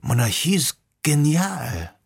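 A man voicing an excitable young man who organizes everyone, talking quickly with a rising voice. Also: on the high side, gravelly, breathy edge, no room sound, clean studio sound, voice pushed up, full character voice. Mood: eager.

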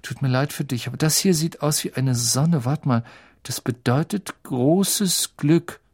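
A hesitant, dry-humored teenage schoolboy, as a male narrator puts him on. The voice sits above the reader's own, slightly husky. He speaks slowly, feeling his way. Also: fairly high pitch, a little mellow, pitched above the performer's own voice. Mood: wry. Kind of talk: audiobook reading.

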